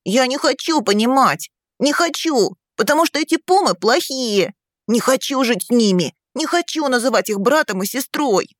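Female narrator doing a sulky five-year-old boy, higher and whiny, dry close read. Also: animated, normal speed, no room sound. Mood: protesting. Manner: whiny, protesting. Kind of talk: audiobook character reading.

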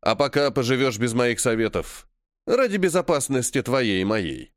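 A man's voice: medium pitch, sing-song, moderate pace, dry recording, clean studio sound, close to an everyday voice. A man reading the lines of a stubborn, evasive male mage mentor in an audiobook, brusque and dismissive. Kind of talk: audiobook dialogue.

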